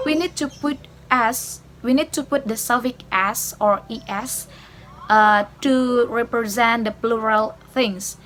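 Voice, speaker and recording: A woman who speaks English as a second language gives an explanatory presentation, haltingly searching for words and repeating phrases. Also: on the high side, a bit bright, poor audio. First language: not English.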